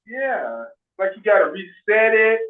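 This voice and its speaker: A man's voice: high-pitched, very animated, measured pace. A man calling into a community meeting who rambles with lots of fillers and restarts, his voice crackly and fading in and out over the phone line. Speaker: community member reporting to a meeting. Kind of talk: casual call-in chat. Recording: tinny, distant phone line.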